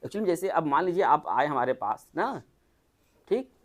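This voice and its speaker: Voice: mid-range voice, very animated, a little slow. A TB doctor gives an informal health talk to a small group, in a chatty way with many rhetorical questions. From Uttar Pradesh, India.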